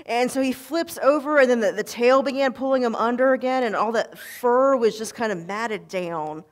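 A woman's voice: on the high side, moderate pace. Middle-aged woman pastor telling a sermon story. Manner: animated, repeats words when telling a story. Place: church sanctuary, at the pulpit. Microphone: pulpit microphone, far camera.

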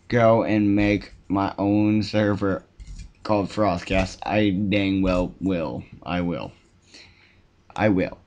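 A man's voice: lowish voice, darkish tone. A teenage boy chatting casually at his computer, rambling and trailing off with "so yeah" as he goes. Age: teens. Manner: rambling, repeats "so yeah", self-interrupting. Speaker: gamer vlogger. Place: home computer setup.

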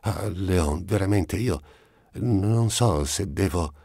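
Man doing a coy young woman, hesitant, higher voice, dry close recording. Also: slow pace, warm tone, dry recording, full character voice.

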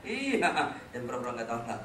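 Bright lively preacher guy, teasing and loud then quiet, echoey hall, a bit off mic. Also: mid-range voice, moderate pace, recorded from a distance, a little hiss or hum. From North Sumatra, Batak. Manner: animated preaching, swings from quiet asides to loud exclamations; joking, blunt and teasing. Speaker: pastor. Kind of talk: sermon.

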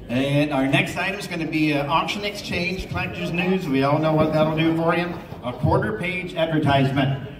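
A man's voice: on the high side, moderate pace, background noise. A man working as an auctioneer, calling a live auction with a repetitive number chant in a large indoor room. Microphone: audience phone camera, at a distance. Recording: distant echoey event hall with crowd.

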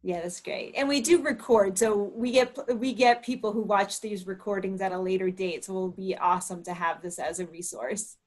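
Speaking at normal speed with hardly any pauses, a webinar host uses her medium-pitched voice to read poll questions and their options aloud during an online talk on a video call. She is friendly and encourages people to give it a try.

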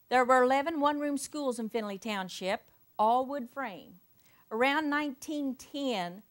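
An older woman from Indiana giving an informal local history talk to an audience, reading from notes with folksy asides and fillers. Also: on the high side.

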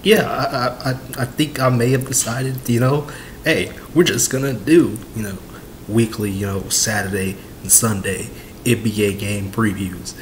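A man's voice: on the low side, measured pace, a little hiss or hum. A young man in his twenties giving casual sports commentary on his home vlog, rambling with lots of fillers and repeats, recorded on a webcam in a small room. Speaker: sports vlogger. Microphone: webcam at desk.

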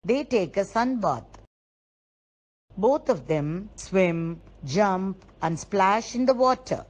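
A woman narrating a scripted lesson for young children, explaining slowly and simply and asking them questions. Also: mid-range voice, lively intonation, darkish tone, poor audio. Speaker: kindergarten teacher.

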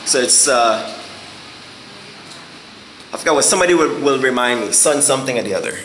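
A man's voice: mid-range voice, animated, a little fast, fairly bright tone, a little hiss or hum, rough recording. A man giving a casual walking house tour on a handheld phone camera, rambling and searching for words with many fillers. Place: empty house, indoors and on balconies.

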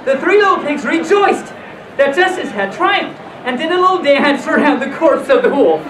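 Inside a full mascot suit, a storytime host entertains a live audience in a hotel function room at a convention, reading playfully with offhand asides. A high voice with large pitch swings moves at a moderate pace over crowd noise. The distant camera microphone yields roomy, far-off, noisy sound.

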